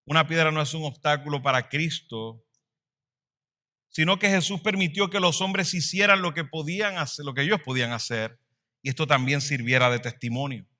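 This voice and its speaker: Male pastor mid-sermon; bright, pointed delivery, dynamic swells and quiet drops. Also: fairly high pitch, moderate pace. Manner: dynamic preaching, swells louder then drops to a hush.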